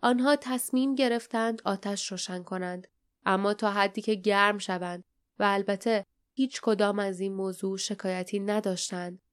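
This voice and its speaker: A woman narrating a storybook audiobook in a steady, measured reading. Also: mid-range voice, clear, resonant tone.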